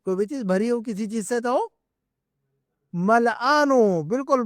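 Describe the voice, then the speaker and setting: A man with a notably high voice leads a live Arabic grammar class at an Islamic centre. He explains patiently and repeats himself, drilling each word slowly and stopping often to check the students are with him. The sound is close and dry, with almost no room echo. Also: expressive. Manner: patient, repetitive explaining with frequent checks for understanding. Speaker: Arabic teacher.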